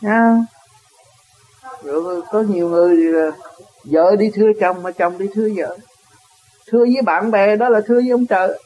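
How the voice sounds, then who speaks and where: A man's voice: high voice, normal speed, long pauses, warm tone, rough recording. A man with a Southern Vietnamese accent giving a dharma talk as a spiritual teacher. He answers a question, chuckles often and keeps asking his listeners rhetorical questions.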